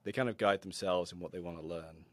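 A man who mentors a robotics team, a podcast guest telling animated, self-deprecating stories with frequent laughter. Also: low voice, quick pace, no echo. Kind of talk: conversational interview storytelling.

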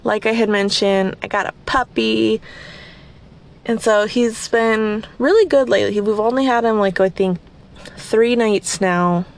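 Sleepy, slightly raspy woman podcaster. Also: on the high side, steady tone, unhurried. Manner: chatty and rambling, self-deprecating. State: slightly raspy, just woken up. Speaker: podcast host. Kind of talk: casual guided cleaning session.

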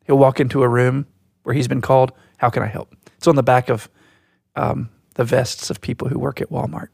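A man co-hosting a podcast, talking in a reflective, storytelling way, slow and deliberate. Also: medium pitch, level tone, gravelly, a little mellow, dry recording, clean studio sound. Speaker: podcast co-host. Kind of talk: casual podcast chat.

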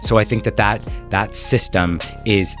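A man's voice: fairly low pitch, steady tone, measured pace, faint music behind. A man talking earnestly about the camp he founded, rambling with fillers and restarts, choked up at times. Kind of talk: interview clips.

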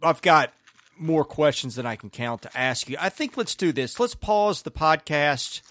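A man with a slightly high voice hosts a sports podcast. He asks measured questions and closes the conversation politely, thanking his guest. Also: animated, fairly bright tone, no echo, studio quality. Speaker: podcast host. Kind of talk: podcast interview.

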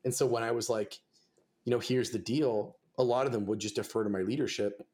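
With a medium-pitched, slightly mellow voice and fairly even intonation, a young touring musician in his 20s talks briskly on a relaxed podcast. His storytelling rambles, loaded with fillers and swearing.

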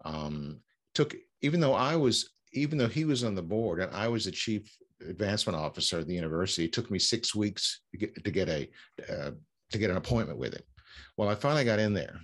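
Low-voiced man, halting fundraising talk. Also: lively intonation. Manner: halting, many fillers and restarts. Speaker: fundraising consultant. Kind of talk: conversational interview answers.

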